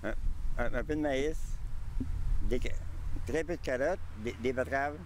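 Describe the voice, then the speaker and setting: Halting Quebec man, faint outdoor noise. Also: medium pitch. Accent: Quebec French. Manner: halting, stammered restarts. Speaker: farmer being interviewed. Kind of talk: casual interview answers. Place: outdoors on a farm.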